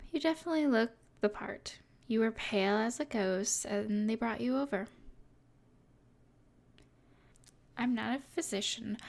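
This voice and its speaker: In an intimate ASMR roleplay, a woman voices a smug, teasing evil sorceress, her delivery breathy, haughty and mysterious. Her pitch sits on the high side, and the mood stays matter-of-fact.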